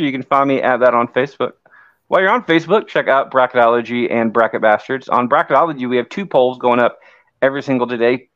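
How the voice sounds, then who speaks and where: A man's voice: medium pitch, a bit bright, no room sound, lo-fi sound. A man hosting a podcast in a casual, conversational way. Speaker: podcast host.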